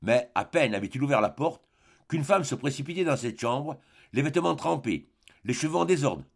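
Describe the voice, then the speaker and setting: Gravelly male audiobook narrator. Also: medium pitch, expressive. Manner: measured, dramatic.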